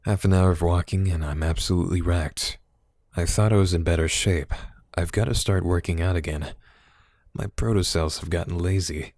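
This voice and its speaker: A man's voice: low-pitched, fairly even intonation, moderate pace, a little mellow, no room sound. A man reading the lines of a jaded, bitter woman cop in a cyberpunk game, with a dry, sardonic delivery. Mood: weary. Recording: music playing behind.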